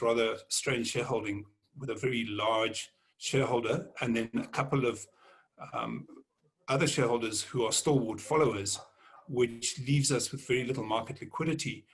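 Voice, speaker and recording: Halting man answering panel questions. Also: mid-range voice, slightly rough. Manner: halting, repeats words while thinking. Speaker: panelist, mining executive.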